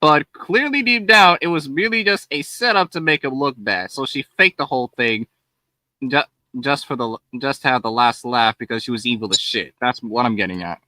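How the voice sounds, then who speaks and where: Hesitant young man, bright voice. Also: mid-range voice, dry recording, rough recording. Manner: hesitant, halting, with fillers. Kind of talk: casual chat.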